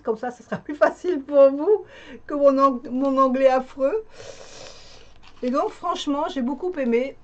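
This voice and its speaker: A woman vlogger talks casually to her viewers, her voice sitting a little high. She hesitates often, filling pauses and restarting sentences as she goes. The recording sounds a bit dull and lo-fi. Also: a little mellow. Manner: chatty, hesitant, many fillers and restarts. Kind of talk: casual chat.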